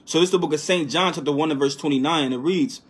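A man giving an informal Bible lesson, reading verses slowly and with emphasis, then dropping to a quiet "man" or "right?" after each point. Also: on the high side. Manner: reads verses slowly and loudly, tags lines with "right?" and "man". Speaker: bible teacher. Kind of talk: informal scripture teaching.

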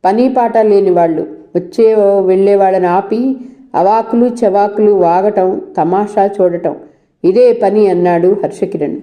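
A woman storyteller reading a novel aloud in steady, scripted narration. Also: mid-range voice, a little slow.

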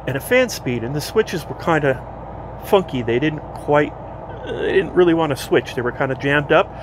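Rambling DIY man in a noisy bus. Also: fairly high pitch. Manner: rambling, relaxed, many fillers and self-corrections. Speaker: DIY vlogger restoring a vintage motorhome. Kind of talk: casual thinking-aloud workshop narration. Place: inside an old motor coach. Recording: steady background hum, noisy.

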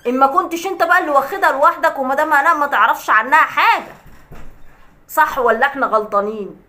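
A woman's voice: high-pitched, fast, sharp tone. A woman with an Egyptian accent, a vlogger ranting at a critic in a sarcastic, scolding way with scornful laughs. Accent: Egyptian Arabic. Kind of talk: mocking rant to camera.

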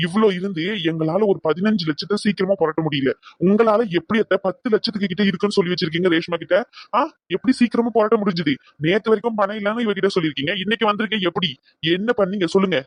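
Man playing a stern cartoon son, firm demands, high-pitched and quick, dry. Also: no room sound. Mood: demanding. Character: stern adult son, businessman demanding answers. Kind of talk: cartoon voice acting.

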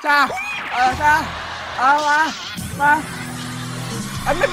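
A young man hosting a casual live voice-chat stream as a DJ, excitable, often shouting and laughing and tacking polite particles onto his sentences. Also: extremely high pitch, very slow. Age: young adult. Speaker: online voice-chat DJ. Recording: loud music playing behind the voice. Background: music.

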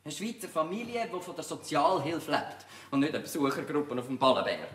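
A man with an Arabic-accented German playing a commanding, fast-talking schemer who bosses his group around in a stage comedy. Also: a little high, expressive, lightly acted. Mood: bossy. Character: bossy Lebanese-Swiss family schemer. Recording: roomy, noisy stage recording from far off.

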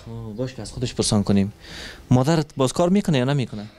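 A man, hosting a street interview with working children and asking them questions in a gentle, coaxing, soothing way full of endearments. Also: medium pitch, animated. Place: street outdoors.

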